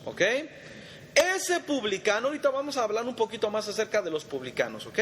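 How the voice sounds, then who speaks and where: Male Bible study teacher, high voice, chatty, quizzes his listeners; long reverb and faint background noise. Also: big pitch swings, brisk, a bit bright. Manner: quizzes the group and calls them brother.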